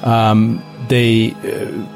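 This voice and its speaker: A man voicing a small-town woman police officer in a tabletop game, halting and full of ums and restarts. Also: fairly low pitch, flat delivery, gravelly, darkish tone, soft background music, full character voice. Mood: accommodating. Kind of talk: tabletop role-play.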